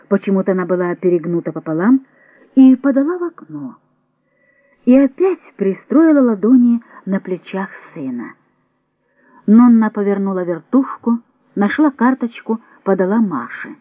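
A woman narrating an audiobook in an expressive, measured way. The sound is dry and tinny, like a phone line. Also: medium pitch, no echo.

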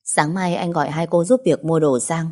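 A woman reading as a gentle quiet husband. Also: low voice, steady tone, normal speed. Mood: caring.

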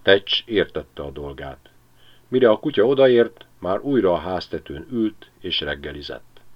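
A man narrating an audiobook with expressive storytelling. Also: deep voice. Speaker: audiobook reader. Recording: slightly dull lo-fi recording.

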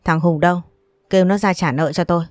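A woman's voice: on the low side, steady tone, fast, no room sound, clean studio sound, faint music behind, lightly acted. A woman voicing a menacing male debt-collector thug who barks threats in a storybook reading. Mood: threatening. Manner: shouting threats, brash.

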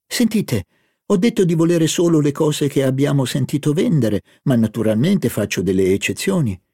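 A man's voice: on the high side, animated, moderate pace, dark tone, slightly rough, no echo, studio quality, pitched above the performer's own voice. A man voicing a playful young woman in an audiobook, eager and coaxing as she chatters. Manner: bubbly, coaxing. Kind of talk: audiobook character voice.

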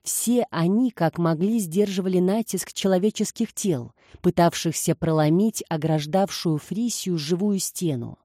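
A woman narrating a novel aloud in a steady, measured reading. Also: fairly low pitch, dry recording, clean studio sound. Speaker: audiobook narrator. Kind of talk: scripted narration.

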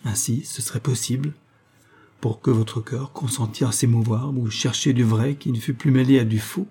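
A man's voice: mid-range voice, fairly even intonation, moderate pace, warm tone, slightly rough. A man doing James, a fervent young hero. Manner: fervent, exalted.

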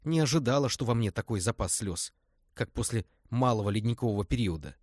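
A man reading aloud and voicing a headstrong young woman, a witch, in a sharp, indignant tone. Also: medium pitch, expressive, fairly quick, no room sound, clean studio sound, pitched above the performer's own voice, natural voice. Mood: tearful.

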